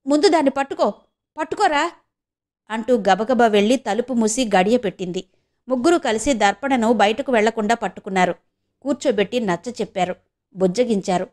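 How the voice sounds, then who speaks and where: Brief: Telugu woman, audiobook narrator, steady storytelling delivery. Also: mid-range voice, brisk. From India.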